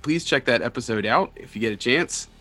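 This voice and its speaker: A man's voice: medium pitch, lively intonation, a little fast, sharp tone, faint music behind. A man hosting a casual podcast interview as a church missioner, friendly and often restarting phrases. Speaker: podcast host, campus and young adult missioner.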